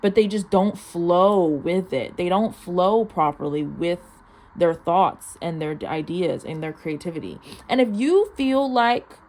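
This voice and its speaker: A woman's voice: fairly low pitch, a little mellow. A young woman giving a casual, rambling mystical tarot reading in an informal, chatty way, saying "like" a lot. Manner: chatty, informal mystical card interpreter with heavy use of "like". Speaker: tarot card reader. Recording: clear background noise.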